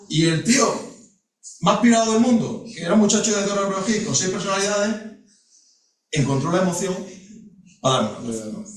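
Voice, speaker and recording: A middle-aged man recounts a personal story at a panel talk. He halts, restarts and adds asides as he goes. He sits far from the mic in a large hall that rings with echo. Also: on the high side. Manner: halting, with many restarts and asides. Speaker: guest speaker at a panel talk. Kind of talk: personal storytelling to a live audience.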